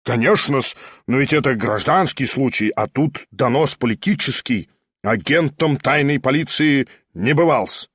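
A man voicing a touchy, resentful lame man who speaks slowly with stiff formal politeness. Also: medium pitch, fairly bright tone, husky, no room sound, clean studio sound.

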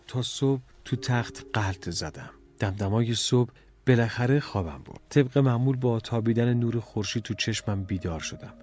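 Brief: measured male reader, middle pitch, dry close sound. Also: darkish tone, dry recording. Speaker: audiobook narrator. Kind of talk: first-person story reading.

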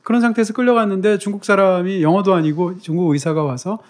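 A man co-hosting a book talk show, telling travel anecdotes in a lively way with frequent chuckles. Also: sits high, quick pace. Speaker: podcast co-host and author. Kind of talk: casual talk-show chat.

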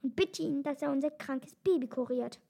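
A woman reading aloud and voicing an upset lioness mother who scolds her mate in an excited, high voice. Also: moderate pace, vocal fry. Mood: scolding.

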